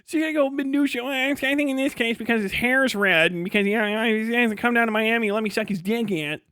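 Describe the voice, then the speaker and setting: Reacting to other streamers on a livestream, a man delivers a profane, sarcastic, exasperated rant in casual commentary. His voice is extremely high and sharp, fairly quick, with no echo.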